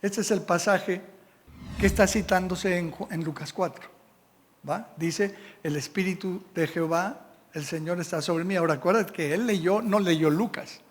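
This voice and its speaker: A pastor with a Mexican Spanish accent preaches a sermon in a church sanctuary, reading scripture and checking in with the congregation. His voice sits high, he talks at a normal speed, and a long reverb tail follows his words.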